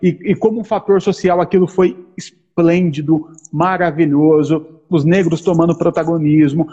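Animated high-voiced man, husky and lo-fi. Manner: animated, emphatic, repeats points. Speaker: podcast co-host. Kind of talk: casual theological discussion.

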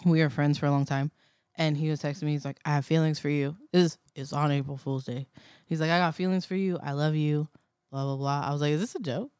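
A woman's voice: sits low, fairly even intonation, brisk, a little mellow, clear, resonant tone, no room sound. Casting: young woman, casual swearing storyteller, dry close mic. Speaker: podcast co-host. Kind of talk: casual chat.

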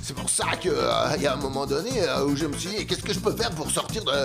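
A man's voice: mid-range voice, animated, fast, vocal fry. A man playing a gloomy grown man who rambles, full of fillers, about being cheered up by exercise, in a pre-recorded clip. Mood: glum. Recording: pre-recorded clip over hip hop music.

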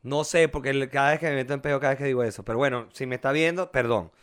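A man's voice: mid-range voice, rapid-fire, clean tone. A Venezuelan man in his twenties, co-hosting a casual chat and telling stories with jokes and playful voices. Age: 20s. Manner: joking, animated storyteller with playful voices. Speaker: podcast co-host.

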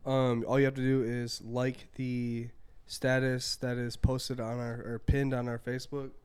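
A young man co-hosting a podcast, his voice smooth and resonant. He talks loosely and swears freely, riffing and telling stories in easy casual chat. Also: medium pitch, level tone, measured pace, a little mellow. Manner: loose, profane storytelling. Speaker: podcast co-host.

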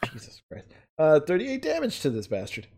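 A man running a tabletop game as game master over an online voice call, casual and quick to swear. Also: on the high side, huge pitch swings, dark tone. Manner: casual, swears freely, quick bursts of narration.

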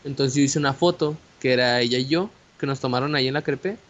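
A young man with a Mexican Spanish accent telling a personal story in casual chat, animated and slangy, with many fillers and restarts. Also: mid-range voice, fast. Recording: dull lo-fi audio with faint hiss.

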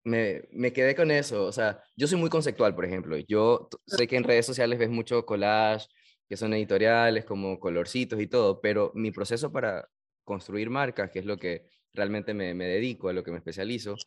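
A man's voice: on the low side, brisk. A young man hosting an interview, talking at length in a reflective, self-critical way. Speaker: interview host. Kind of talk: casual interview chat.

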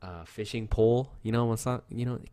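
A young man with a youthful-sounding voice co-hosts a podcast, spinning loose, rambling stories packed with fillers and swearing. His mid-range voice is warm and fairly quick in this casual chat, and the recording is dry.

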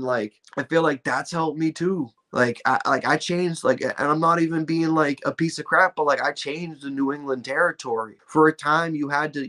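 A man's voice: a little high, a bit bright. A young man, a wrestler being interviewed, talking casually and rambling, with many fillers and asides. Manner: rambling, full of "like" and "you know what I mean". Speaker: professional wrestler guest.

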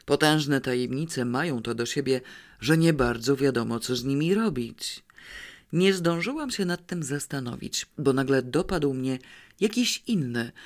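Woman, audiobook narrator, scripted first-person reading, ironic dry humour. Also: extremely low pitch. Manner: wry, ironic storytelling.

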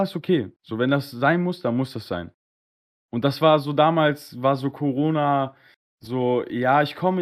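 A man hosting a casual podcast, telling a long anecdote in a slangy, animated way and acting out both sides of the conversations. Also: medium pitch. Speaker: podcast host. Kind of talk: casual storytelling on a live-streamed podcast.

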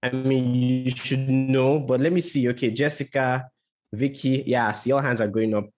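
A man's voice: medium pitch, steady tone, moderate pace, a little mellow, soft background music. A man hosting a church gathering in an informal, conversational style, introducing a guest speaker.

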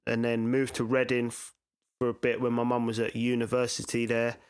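A man with a south London accent speaks in a casual, reflective interview style. His pitch sits in an ordinary male range, and his phrasing is informal and slangy, peppered with "you know". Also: completely flat delivery, fairly quick, clean tone, dry recording, studio quality. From England, born in south east London and grew up in Brighton. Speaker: interview guest. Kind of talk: casual reflective conversation about own life.

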